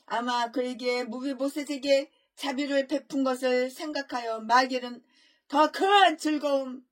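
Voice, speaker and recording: Preaching an expository sermon, this woman pastor has a voice that sits high. She often repeats herself and restarts words, moving between forceful, loud high points and soft asides.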